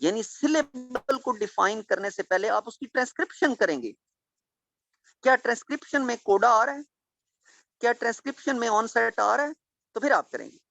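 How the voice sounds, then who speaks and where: A man's voice: very high-pitched, animated, normal speed, vocal fry, pushed and bright, no echo. A male teacher giving a classroom lecture, questioning students and patiently repeating key points. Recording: dull dry recording.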